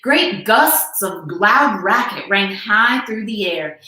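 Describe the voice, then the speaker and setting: A woman reading a children's storybook aloud in a dramatic, expressive, emphatic way. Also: mid-range voice, takes it slowly. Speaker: children's librarian. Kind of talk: animated storybook read-aloud. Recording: very echoey room.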